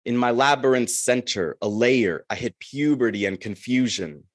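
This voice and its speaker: A man voicing a lonely, brooding male minotaur in a slow, measured poetry reading. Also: mid-range voice, no room sound, studio quality, voice pushed up, lightly acted.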